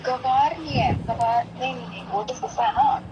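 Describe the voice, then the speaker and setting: A woman's voice: high voice, moderate pace, dull audio, heavy background noise. A woman guest on a podcast, telling a long family story in casual chat, acting out what people said and often checking in with "right?", with English phrases dropped into her talk. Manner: mixes English phrases into Hindi; acts out quoted dialogue, keeps asking "right?".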